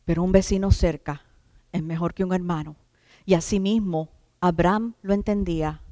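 A woman's voice: fairly low pitch, steady tone, normal speed, warm tone, no echo, clean studio sound, in a large hall. A woman preacher giving an emphatic sermon, stretching out key words and addressing the congregation as brothers.

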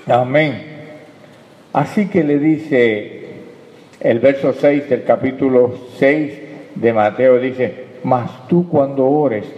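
A man preaching a sermon, calling for amens and dropping into hushed prayer. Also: medium pitch. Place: church hall. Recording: echoey hall, dull lo-fi sound.

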